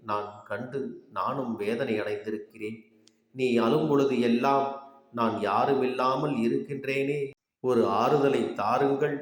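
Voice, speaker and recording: A sorrowful guardian deity speaks like a father to his child, slow and tender, pleading gently, as a man voices him. The voice sits at a medium pitch. It rings through an echoey space with a long, hall-like reverb. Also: close to an everyday voice. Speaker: deity addressing a devotee. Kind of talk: devotional first-person address.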